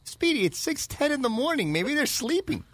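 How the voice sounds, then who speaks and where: A man on a radio panel who talks in an animated way and moves between Spanish and English mid-sentence. His voice is high and bright, with a lively, swinging pitch. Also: normal speed, no room sound. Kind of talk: casual radio banter.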